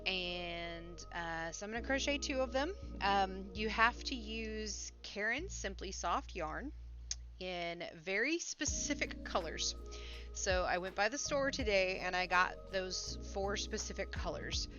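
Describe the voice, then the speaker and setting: A woman's voice: mid-range voice, expressive, a little slow. A woman chatting casually as a crochet livestream host, talking a little funny through sinus congestion and a sore, swollen mouth. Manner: slightly impeded speech from a swollen, sore mouth. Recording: dull, lo-fi sound with faint music.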